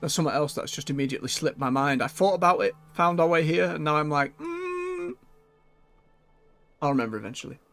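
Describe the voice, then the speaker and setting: A man's voice: fairly high pitch, rapid-fire, few pauses, a bit bright, faint music behind. Chatty man commentating on a game. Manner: chatty, muttering to himself. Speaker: video game streamer. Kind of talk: casual gameplay commentary.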